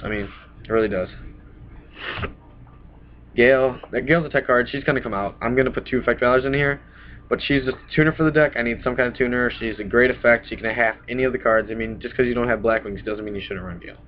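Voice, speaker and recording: Speaking quickly in a steady, mid-range voice, a young card game vlogger who's getting over a cold chats loosely through his deck to a desk webcam in a small room, punctuating things with "bam." The audio is dull and lo-fi, with slight background noise.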